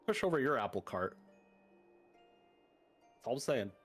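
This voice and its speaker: A man's voice: medium pitch, big pitch swings, a little slow, soft background music. A man hosting a game stream, chatting casually with sarcastic jokes. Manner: joking, sarcastic banter. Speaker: streamer host. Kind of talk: casual gameplay chat.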